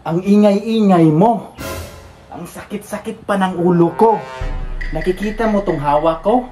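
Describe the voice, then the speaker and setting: A man's voice: sits high, measured pace, warm tone, echoey room. A man acting in a comedy skit, whiny and panicky. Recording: music bed under the voice.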